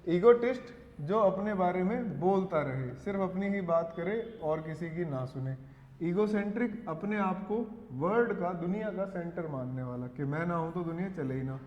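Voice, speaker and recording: A man teaching English vocabulary in Hindi, dictating words slowly for notes and correcting pronunciation. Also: high voice, animated, darkish tone. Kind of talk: classroom lesson explaining vocabulary in Hindi. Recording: echoey room, dull lo-fi sound.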